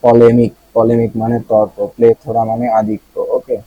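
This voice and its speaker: A man's voice: medium pitch, completely flat delivery, moderate pace, slightly rough, no room sound, narrow, tinny audio. A young man with a Bangladeshi accent teaching vocabulary in a casual way, repeating each word and asking the listener questions. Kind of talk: explaining vocabulary.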